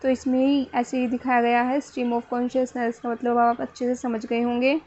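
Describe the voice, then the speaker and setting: A woman teaching a literature lesson, explaining in Hindi and reading English notes slowly, often repeating and correcting herself. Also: a little high, level tone, a little mellow, highs cut off. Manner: self-correcting, repeats words. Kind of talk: exam-focused lecture.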